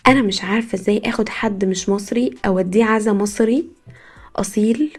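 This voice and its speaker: A young woman from Egypt with an Egyptian Arabic accent, hosting a podcast as a casual comic monologue, telling stories in an animated way with frequent laughs. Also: mid-range voice, brisk, husky. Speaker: podcast host.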